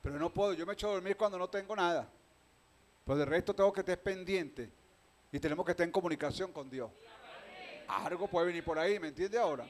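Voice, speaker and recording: A man with a Venezuelan accent preaching a sermon, calling out questions to the congregation and swinging between loud proclaiming and quiet talk. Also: sits high, fast talker. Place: church hall.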